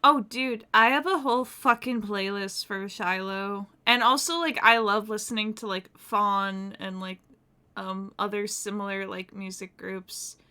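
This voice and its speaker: A woman's voice: medium pitch, steady tone, unhurried, pushed and bright, clear, resonant tone. A woman from the United States chatting casually and profanely on a game stream, laughing often. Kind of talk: casual live-stream chat.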